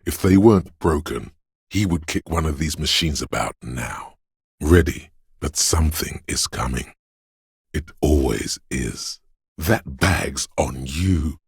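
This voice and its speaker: Half Light, a very deep gravelly menace. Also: male voice, no echo, clean studio sound, heavily acted. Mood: aggressive goading. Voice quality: gravelly, husky bass. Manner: menacing, deliberate, foul-mouthed goading. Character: inner voice of primal fight-or-flight instinct, menacing, paranoid, aggressive. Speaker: voice actor in a video game. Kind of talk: dramatic second-person game narration.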